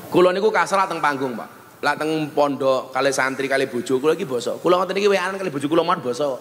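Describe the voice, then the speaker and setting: A man's voice: on the high side, fairly quick, long pauses, fairly bright tone, big-room sound, a little hiss or hum. A man with a Javanese accent preaching a humorous sermon, mixing Javanese and Indonesian and acting out the voices in his stories. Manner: jokey, switches between Javanese and Indonesian, acts out voices. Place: large venue before an audience.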